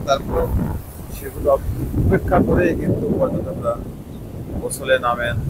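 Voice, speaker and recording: A man with a Bangladeshi accent gives live on-location commentary as a reporter, speaking in halting, repetitive short bursts outdoors on a beach. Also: medium pitch. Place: outdoors on a windy sea beach. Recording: very loud wind and waves on mic. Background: wind, surf noise.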